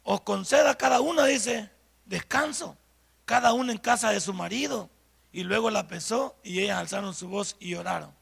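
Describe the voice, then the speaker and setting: Salvadoran pastor preaching, high gravelly voice, throws questions at the church, gets loud. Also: male voice, moderate pace, big-room sound. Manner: fervent, rising to shouts, rhetorical questions to the congregation. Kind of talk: sermon.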